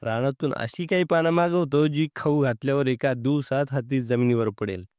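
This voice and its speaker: A man's voice: mid-range voice, normal speed, darkish tone, clean tone, no room sound, close to an everyday voice. Male narrator voicing a resourceful spy, eager, confident, dry close recording.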